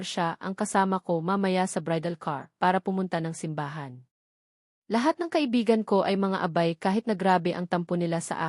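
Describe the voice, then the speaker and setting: A Filipino-accented woman narrates a scripted first-person romance story for an audiobook. Her medium-pitched voice has a darkish tone, captured in clean studio sound with no room sound.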